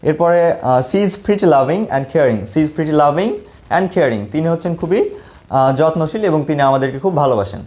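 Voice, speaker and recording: A man's voice: on the high side, lively intonation, a little mellow. Man teaching spoken English. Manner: explains in Bengali, reads English examples slowly and repeats them.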